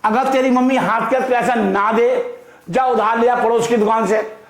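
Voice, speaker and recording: A male accounting teacher giving a classroom lecture in a digital-board classroom, asking the class questions and answering them himself, and drawing key terms out slowly. He speaks English with an Indian accent. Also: very high voice, steady tone, roomy sound, slight background noise. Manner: asks the class questions and answers them himself, calls students "beta" and "bachhon"; slow, drawn-out repetition of key terms.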